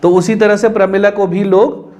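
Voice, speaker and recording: A man's voice: sits high, level tone, moderate pace, a little mellow, a little hiss or hum. A man teaching a story lesson, explaining it in casual Hindi mixed with English and acting out the characters' lines.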